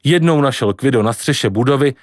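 A man reading a novel aloud, narrating in an expressive storytelling manner. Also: medium pitch, no room sound, studio quality. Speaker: audiobook reader. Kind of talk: scripted narration.

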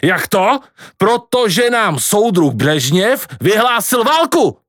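A man voicing an agitated elderly grandfather who shouts in nervous outbursts. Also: high-pitched, dry recording, studio quality, pitched above the performer's own voice. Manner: excitable outbursts, raised voice.

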